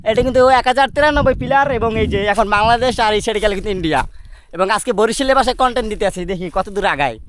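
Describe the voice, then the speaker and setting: A man's voice: sits high, racing. A young man from Bangladesh with a Barishal Bengali accent, chatting casually through a walking travel vlog outdoors in hill country, exclaiming at the views and out of breath from the climb. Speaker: travel vlogger. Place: hilly border area outdoors.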